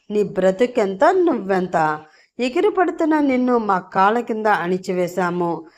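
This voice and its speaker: A woman's voice: mid-range voice, lightly acted. Woman reading as a scheming rich villainess, taunting, scornful, mocking, audio storybook.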